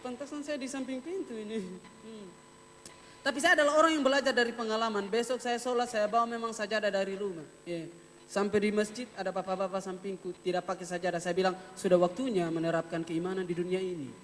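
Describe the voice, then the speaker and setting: A man's voice: high voice, fairly even intonation, quick pace. A young man from Wakatobi, Southeast Sulawesi, performing a stand-up comedy set and telling playful stories full of mock dialogue. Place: stage in a hall before an audience. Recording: reverberant hall, faint noise.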